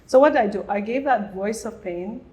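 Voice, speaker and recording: A woman's voice: mid-range voice, brisk, darkish tone, poor audio. A middle-aged woman from Bahrain, a guest on a podcast interview, telling her story animatedly and acting out her inner dialogue. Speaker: guest entrepreneur.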